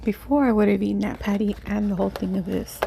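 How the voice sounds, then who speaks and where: Female mukbang host, relaxed and creaky, halting casual chat, faint noise behind her. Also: medium pitch.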